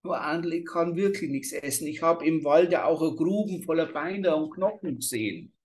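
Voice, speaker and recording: A man's voice: a little high, normal speed, slight background noise, voice pushed up, lightly acted. A man putting on a frightened little girl. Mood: frightened pleading. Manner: timid, pleading, trembling. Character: frightened little peasant girl, lost in a dark forest.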